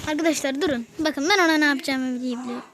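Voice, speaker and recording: A woman giving casual gameplay commentary to her viewers, excitable and quick to burst out in frustration. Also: high voice, crowd noise. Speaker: gaming video host.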